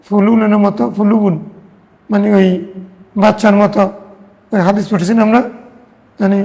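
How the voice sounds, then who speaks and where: A man's voice: high voice, gravelly, in a large hall. A man teaching a hadith class, explaining step by step and asking his students questions that he answers himself. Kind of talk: religious class lecture.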